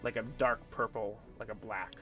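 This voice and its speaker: A man's voice: on the low side, fairly even intonation, moderate pace, a bit bright. Male game master, casual narration with fillers, slightly dull recording, faint background music.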